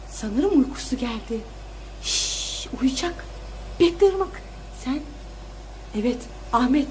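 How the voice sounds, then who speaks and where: A young woman and mother hosting a family vlog at home, giving excited commentary on a children's game as she cheers and urges the kids on, often laughing and shouting. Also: sits high, slight background noise.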